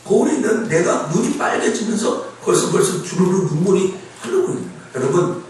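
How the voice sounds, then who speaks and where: The man is a pastor delivering a sermon, his voice sitting high and his pace brisk as he keeps it conversational and animated, frequently asking the congregation questions. Captured from far off in an echoey church hall, the audio carries a little hiss or hum.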